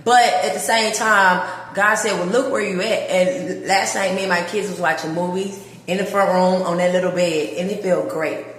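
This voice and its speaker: A woman's voice: on the low side, steady tone, normal speed, hardly any pauses, fairly bright tone, a little hiss or hum. A woman chatting on a livestream as she shows her new apartment, heartfelt and often laughing. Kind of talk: casual livestream chat. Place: empty apartment rooms. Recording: echoey empty rooms with long reverb.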